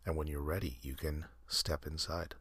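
A man hosting an ASMR channel, leading a soft, halting whispered guided meditation with many pauses and fillers. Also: extremely low pitch, steady tone, breathy edge. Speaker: ASMR host.

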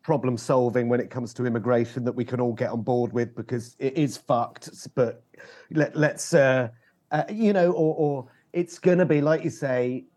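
A man's voice: medium pitch, steady tone, moderate pace, darkish tone. A British man in casual political chat, swearing freely and throwing out rhetorical questions.

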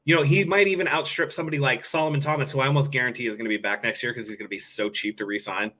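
A man's voice: medium pitch, steady tone, rapid-fire, pushed and bright. A man co-hosting a sports podcast, talking through player contracts in a casual, analytical way and repeating phrases as he builds his point. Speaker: podcast co-host.

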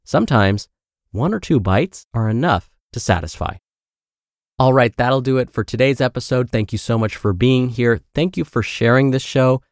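A male podcast host reads a written post aloud in an even, clear manner with a gravelly edge to his voice. His commentary is chatty and has a dry, self-aware humor. The sound is close and dry, with no room around it. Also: medium pitch, normal speed, no echo. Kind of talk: reading a blog post aloud, then personal commentary.

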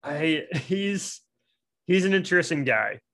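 A man with a somewhat higher voice chatting as a co-host. He is relaxed and agreeable, and laughter comes easily through his talk. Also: unhurried. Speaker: podcast co-host. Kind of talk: casual chat recapping a reality show.

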